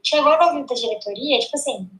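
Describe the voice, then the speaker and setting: A Brazilian woman in her twenties, an interview guest telling stories in a lively, joking way and acting out the voices she quotes. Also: high voice, fast. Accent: Brazilian Portuguese. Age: 20s. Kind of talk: casual storytelling chat. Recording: roomy echo.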